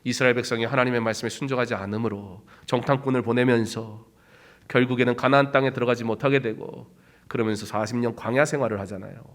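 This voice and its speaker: A man preaching a Sunday sermon, acting out quoted voices and swinging between loud outbursts and hushed asides. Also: mid-range voice, steady tone, fast. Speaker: pastor.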